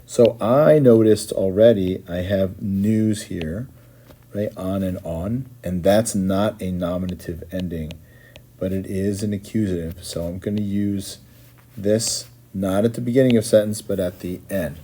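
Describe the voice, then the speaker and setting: A man with a low, very dark voice walks through a translation at an unhurried pace. He explains patiently and keeps checking in with his listeners. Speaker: teacher. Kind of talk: classroom explanation, translating line by line.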